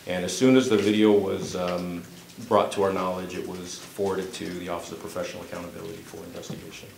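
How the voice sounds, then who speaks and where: A man answering press questions as a police spokesman, hesitant and measured. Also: low voice, level tone, darkish tone. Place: press conference room. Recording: echoey room with clear background noise.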